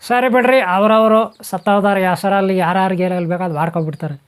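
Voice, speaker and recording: A man's voice: high-pitched, fast talker, clear, resonant tone. A man giving a spiritual talk to viewers, repeating phrases, running through lists and asking rhetorical questions. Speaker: spiritual teacher. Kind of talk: spoken talk on spiritual topics.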